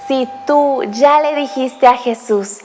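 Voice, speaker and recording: A woman giving a children's Bible lesson, speaking straight to the child with many questions and lively storytelling. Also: sits high, slow, long reverb tail, faint music behind. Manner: addresses the child directly with frequent questions; animated storytelling.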